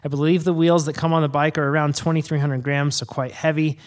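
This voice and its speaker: Brief: male podcast host, casual, loose, laughs easily, somewhat high voice. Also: quick pace. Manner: relaxed, rambling, laughs often.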